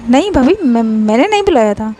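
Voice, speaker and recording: Woman doing a huffy young girlfriend voice, high, pouting, demanding. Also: very animated, a little fast, mellow, slight background noise. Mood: flustered. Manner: pouting, accusing, raised pitch. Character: flustered young woman, girlfriend quick to anger.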